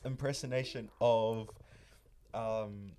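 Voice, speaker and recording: A young man with a New Zealand accent, hosting a casual chat, playful and quick to laugh. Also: lowish voice, steady tone, dark tone. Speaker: host.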